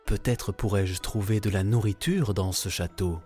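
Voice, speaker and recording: A man's voice: lowish voice, normal speed, darkish tone, soft background music, natural voice. A man voicing a hungry, thin young boy in a storybook reading, speaking politely and earnestly.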